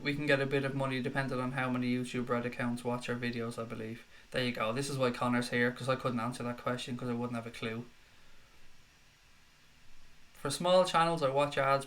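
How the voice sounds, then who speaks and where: A man's voice: medium pitch, fairly even intonation, a little fast, fairly bright tone. Chatty Dublin Irish man with a head cold. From Dublin, Ireland. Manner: chatty, matey, reads messages aloud and answers them. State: slight head cold, swallowing a lot. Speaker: live stream host reading viewer comments. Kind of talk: casual live-stream chat.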